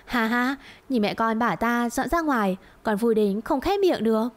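A woman voicing a spoiled young woman who is whiny and gloating, with a shrill edge in a storybook tale. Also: normal speed, natural voice. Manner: whiny, shrill when scared.

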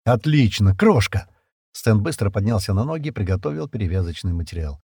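A man narrating an audiobook in an expressive, dramatic storytelling manner. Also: fairly low pitch, quick pace, creaky, slightly rough, no room sound, clean studio sound. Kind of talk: scripted narration.

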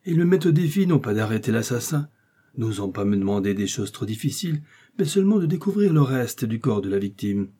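A man's voice: mid-range voice, big pitch swings, fairly quick, dark tone, breathy edge. A man reading an audiobook, voicing an agitated middle-aged police chief who talks nervously and complains. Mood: exasperated.

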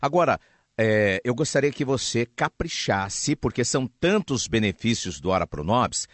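A man's voice: medium pitch, very animated, normal speed, no echo. A middle-aged Brazilian man hosting a radio infomercial in a conversational sales style.

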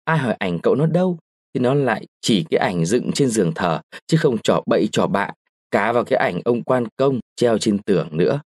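A male narrator reading a short story aloud in an expressive storytelling manner. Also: fairly low pitch, fairly quick, no room sound, studio quality. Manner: expressive storytelling, shifting into character voices. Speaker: audiobook narrator.

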